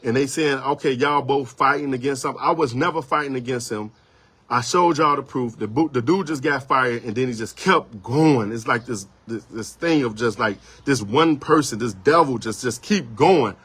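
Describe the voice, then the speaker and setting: With a husky, somewhat bright voice of medium pitch, a photographer speaks off the cuff on a livestream at a moderate pace. He circles back over the same points, keeps restarting, stays on the defensive, and offers sincere apologies.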